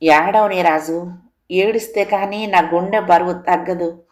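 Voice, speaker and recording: A guilt-ridden young woman speaks through her grief in an audio story, pleading and poetic in her sorrow, voiced by a woman narrator. Her voice sits fairly low and stays close to the narrator's own. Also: steady tone, a little slow, lightly acted. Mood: tearful pleading.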